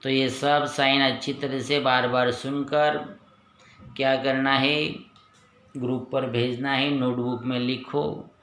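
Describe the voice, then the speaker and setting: Slow, patient male teacher in echoey room. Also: medium pitch, level tone, fairly bright tone. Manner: patient, repeats each point, asks and answers own questions. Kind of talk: lesson for pupils.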